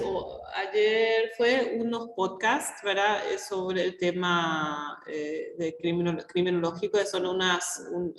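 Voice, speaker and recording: A woman lecturer talking casually and a little hesitantly to an online class, in an echoey classroom with a cathedral-like echo. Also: medium pitch. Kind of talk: casual spoken class talk. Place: classroom with heavy echo, on a live video class. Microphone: open device mic, no headset.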